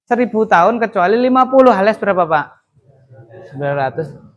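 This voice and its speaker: A man teaching a class. He asks the students questions and answers them himself, and reads Arabic verses slowly before translating them. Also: high voice, expressive, lo-fi sound. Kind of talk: classroom lesson.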